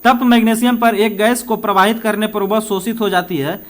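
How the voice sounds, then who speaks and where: Working through practice questions in an informal lesson, a high-pitched man from India explains exam material in a fairly quick, slightly bright voice with fairly even intonation. He is conversational, posing and answering his own questions while mixing Hindi and English.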